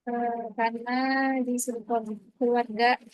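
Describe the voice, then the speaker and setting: A woman in her twenties from West Sumatra, a teacher introducing herself in a graduate class with hesitant pauses and fillers. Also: fairly high pitch, completely flat delivery, no room sound, low-quality recording. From West Sumatra, Indonesia. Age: 20s.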